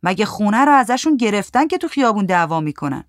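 A woman's voice: mid-range voice, big pitch swings, no echo, clean studio sound, natural voice. A woman voicing a polite, curious taxi driver in a storybook reading.

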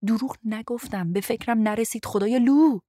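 A woman reading a young man's lines in a low, urgent murmur, pleading and defensive. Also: warm tone, no room sound, clean studio sound, lightly acted.

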